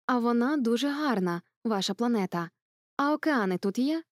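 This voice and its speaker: A woman's voice: a little high, animated, normal speed, no echo, studio quality, pitched above the performer's own voice, natural voice. A woman doing a curious little boy prince. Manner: eager, questioning.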